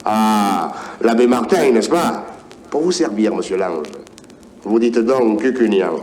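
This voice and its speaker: Cast a man doing a tired, patient angel, Provençal accent, low mellow voice, sighing delivery. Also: animated, slow pace, slight background noise. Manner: patient, sighing, matter-of-fact. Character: weary male angel keeping the purgatory register.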